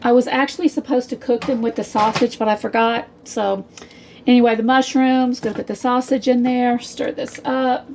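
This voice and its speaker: A woman's voice: on the high side, steady tone, normal speed, darkish tone, a little hiss or hum. A woman hosting a casual cooking video in her home kitchen, rambling in a chatty way and calling her viewers y'all. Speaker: home cook, channel host.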